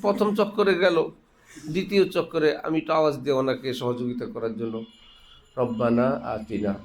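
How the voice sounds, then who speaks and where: A man's voice: a little high, steady tone, a little fast, slight background noise. A man giving a sermon, conversational and joking, laughing as he teaches. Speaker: Islamic preacher. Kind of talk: sermon with humorous anecdotes.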